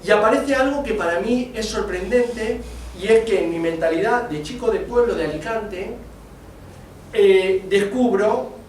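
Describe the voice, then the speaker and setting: A man, telling his own story thoughtfully at a conference, often pausing to find his words. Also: high voice. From Spain. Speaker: guest speaker. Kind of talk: reflective personal storytelling. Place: conference venue. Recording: echoey hall from far off with faint noise.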